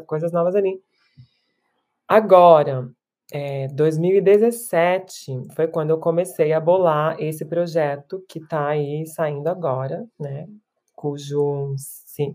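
Low, mellow-voiced woman musician. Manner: reflective, with many restarts and tag questions. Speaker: musician and performer being interviewed. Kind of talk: casual interview talk.

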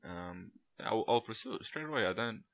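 Twenties male podcast co-host, low-pitched, easygoing chat with lots of laughs. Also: lively intonation, normal speed. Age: 20s. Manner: laid-back, laughs often, says "bro" and "you know". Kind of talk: casual chat.

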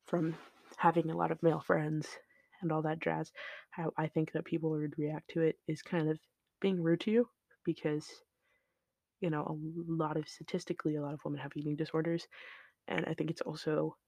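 A man's voice: fairly high pitch, flat delivery, moderate pace, vocal fry, a little mellow, no echo. A man hosting his own solo podcast, talking casually in a rambling, tangent-prone way with lots of "like" and "um" and some swearing, into his home microphone. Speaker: podcast host.

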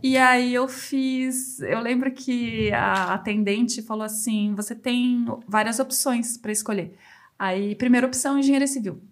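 A woman guest on a podcast, a civil engineer, telling stories in a lively way and acting out what others said. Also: fairly high pitch, a little slow. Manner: lively storyteller who acts out quoted dialogue. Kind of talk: casual interview storytelling.

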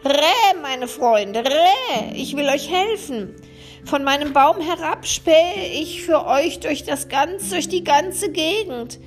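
A woman voicing a kindly male vulture in a storybook, calling out with croaking cries. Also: high voice, expressive, takes it slowly, soft background music, voice pushed up. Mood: helpful.

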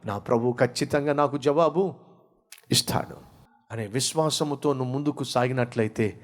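A man preaching as a pastor, then praying, using rhetorical questions and emphatic repetition with rising and falling delivery. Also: mid-range voice. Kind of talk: sermon and prayer.

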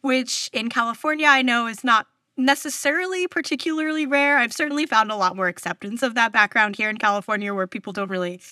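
A woman in her thirties from New York on the US East Coast, a public radio journalist appearing as a guest in a casual interview. Her voice is on the high side, bright and pushed, and she talks fast with few pauses. She's chatty, laughs often mid-sentence, and uses many fillers.

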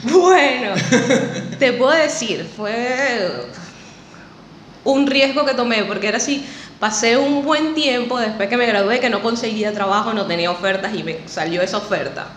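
A woman's voice: fairly high pitch, expressive, normal speed. A woman from Venezuela, a podcast guest, telling her story in a chatty way with frequent laughs and a nervous edge. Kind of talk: casual interview. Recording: echoey room, faint noise.

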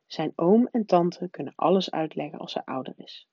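A woman reading aloud voices an old male wizard headmaster who talks in a calm, mild, measured way. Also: lowish voice, slightly rough, no room sound. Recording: dull, dry lo-fi recording.

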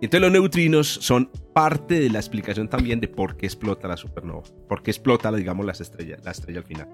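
A man's voice: lowish voice, brisk, soft background music. A man hosting a podcast in a casual, educational style, like a professor chatting. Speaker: podcast host, physics professor. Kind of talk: casual, educational science chat.

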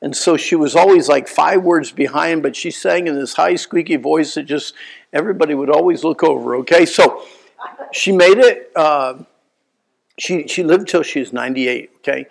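A preacher in his sixties tells a story from the pulpit, his voice a touch high and rough with gravel. He jumps from loud, excited bursts to hushed asides. It is lively, personal sermon storytelling. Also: moderate pace, low-quality recording. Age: 60s. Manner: animated, swings from loud bursts to quiet asides.

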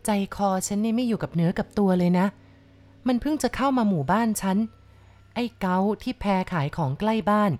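Woman doing a hushed, frightened village woman. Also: mid-range voice, expressive, brisk, close to an everyday voice. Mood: fearful. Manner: hushed, half-whispered telling.

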